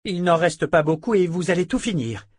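A man voicing a fierce young woman, a vehement and imperious sorceress of a dark order, in an audiobook. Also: sits high, lively intonation, a little fast, breathy edge, no room sound, studio quality, voice pushed up. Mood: furious.

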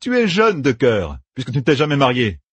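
A man's voice: mid-range voice, huge pitch swings, slightly rough, no echo, voice pushed up. A man doing a brash, bossy young schemer. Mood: emphatic. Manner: bossy, emphatic, rapid-fire planning.

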